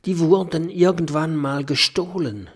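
A man voicing a curious young male hero in a children's storybook, speaking in a hushed, breathy whisper. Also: a little high, measured pace, pitched above the performer's own voice. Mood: excited whisper.

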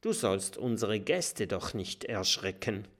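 A man's voice: on the low side, animated, slow, a bit bright, full character voice. A man voicing a grown male badger who explains things in an emphatic storytelling tone. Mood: stern.

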